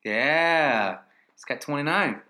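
Bright-voiced man joking through fantasy football chat. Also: fairly high pitch, lively intonation, slow. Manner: joking, trails off into asides, quotes stats. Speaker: fantasy football podcast co-host. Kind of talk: casual sports chat.

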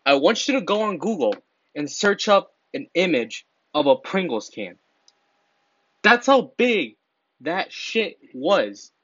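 A man's voice: sits high, sing-song, slow, a bit bright, dry recording, highs cut off. A teenage boy vlogging casually, crude and rambling, laughing mid-sentence and stumbling over his words. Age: teens.

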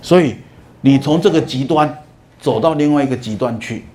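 A man's voice: medium pitch, a little mellow. Storytelling male lecturer. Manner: storytelling, many drawn-out "ah" and "oh" fillers. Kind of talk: university lecture on emotions. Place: university lecture hall.

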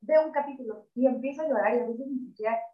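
A woman's voice: sits high, fast. A young Mexican woman co-hosting a podcast, talking in an earnest, reflective way with casual slang. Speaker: podcast co-host. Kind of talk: casual chat. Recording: echoey room, far from mic, dull lo-fi sound.

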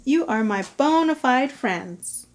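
Female reader doing a fretful storybook skeleton kid, high and tearful. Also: expressive, takes it slowly, slight background noise. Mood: delighted. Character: worried young skeleton boy who falls apart.

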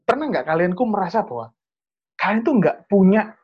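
A man's voice: sits high, sing-song, normal speed, breathy edge, muffled recording. A young man with an East Javanese accent tells a personal story in casual chat, earnest and rambling. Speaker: storyteller sharing a testimony.

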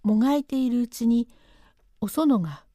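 A woman's voice: fairly high pitch, expressive, moderate pace, dark tone, dry recording. Woman storyteller, dramatic traditional narration, dry close sound.

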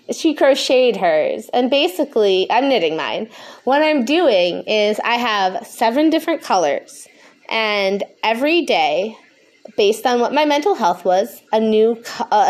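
Casting: woman podcaster, higher-pitched, stoned and rambling, frank and sweary in a casual solo monologue. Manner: stoned, rambling, losing her thread. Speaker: podcast host.

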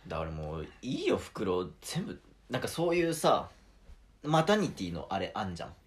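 A man's voice: on the low side, moderate pace. A young man co-hosting a casual podcast chat, telling stories and acting out the lines he quotes. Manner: animated storytelling, acts out quoted lines. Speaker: podcast co-host.

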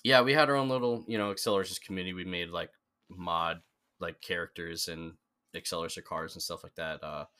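A man's voice: low-pitched, steady tone, a little fast, bright, forceful tone. A young man in casual conversation as a podcast guest, rambling with lots of fillers and restarts. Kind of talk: casual chat.

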